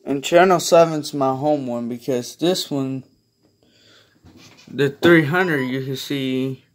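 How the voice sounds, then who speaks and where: A hobbyist vlogger shows off his collection, talking slowly and casually at a middling pitch. He rambles, hesitates and often lets sentences trail off, filming on a handheld phone or camera in a small carpeted bedroom with slight background noise.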